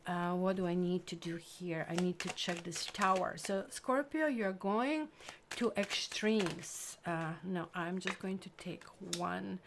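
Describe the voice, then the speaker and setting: Against a noisy background, a woman with a lowish voice gives a somewhat slow tarot reading to camera. She's from Croatia, and her delivery is chatty and rambling, peppered with "like" and "kind of" and the odd lively burst.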